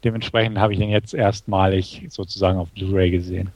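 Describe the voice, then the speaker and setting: A man co-hosting a casual film review chat, relaxed and conversational. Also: deep voice, quick pace, no echo. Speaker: film podcast co-host.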